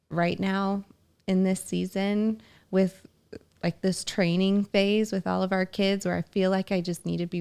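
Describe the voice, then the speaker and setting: A woman with a lowish voice and a lot of vocal fry. She talks things through in a reflective, easygoing way during a casual podcast chat. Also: a little mellow. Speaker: podcast co-host. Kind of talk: casual conversation.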